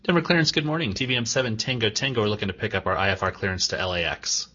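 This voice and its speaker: A man with a husky voice speaking as a pilot, reading back a clearance on air traffic control radio. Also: on the low side, very fast, bright, forceful tone. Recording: dull band-limited radio audio.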